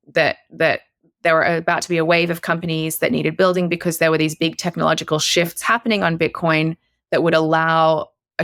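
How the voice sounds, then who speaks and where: A woman's voice: low-pitched, fairly bright tone, no echo, studio quality. A woman from Australia, a guest investor on a podcast interview, chatty with many fillers and restarts.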